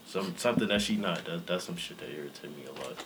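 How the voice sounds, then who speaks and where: Young man from Chicago, very deep voice, muttered asides, casual chat, noisy room. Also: lively intonation, quick pace. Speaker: podcast guest.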